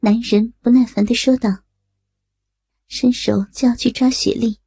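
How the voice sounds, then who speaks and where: Slow, husky woman narrator. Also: a little high, fairly even intonation, mellow, no echo, soft background music. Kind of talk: erotic audio story reading.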